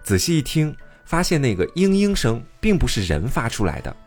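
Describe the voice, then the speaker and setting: A male host retelling an old folk tale in an easygoing, chatty manner. His pitch rises and falls widely as he narrates, with soft music faintly underneath. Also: moderate pace, husky. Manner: lively, chatty, comments with laughter. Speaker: storyteller host. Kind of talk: casual storytelling.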